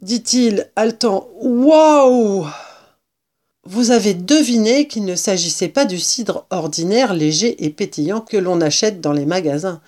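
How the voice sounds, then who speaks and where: A woman reading a children's story aloud in an expressive, measured voice. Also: fairly low pitch. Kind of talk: scripted narration of a children's story.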